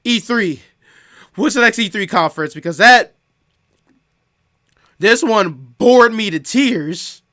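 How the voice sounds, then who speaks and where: A man's voice: high voice, slow pace, long pauses, bright, forceful tone. A male streamer making sarcastic, mocking asides while watching a show. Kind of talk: casual stream commentary.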